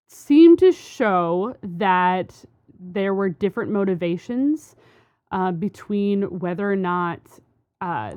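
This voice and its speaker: A woman's voice: mid-range voice, no room sound, dull audio. A woman co-hosting a podcast, explaining a science study in a rambling, casual way with many fillers and restarts. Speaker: podcast co-host.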